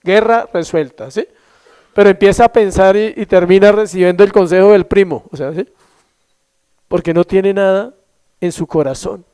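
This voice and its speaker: A male pastor preaching a sermon, asking the congregation questions and answering them himself, stretching key words slowly for emphasis. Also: high voice, warm tone, clear, resonant tone.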